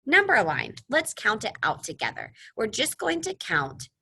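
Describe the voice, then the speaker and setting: Animated kindergarten teacher woman, bright voice. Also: a little high, normal speed, gravelly, slightly rough. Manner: kindergarten-teacher voice: exaggerated, sing-song encouragement to young children; poses questions and answers them herself. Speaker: elementary school teacher. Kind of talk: children's math lesson to camera.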